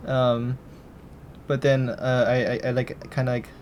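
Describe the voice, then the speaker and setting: A young man in his twenties from Hawaii, answering interview questions in a halting, hesitant way, often restarting his sentences. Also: mid-range voice, little pitch movement, a little mellow, a little hiss or hum. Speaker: interview guest, film student.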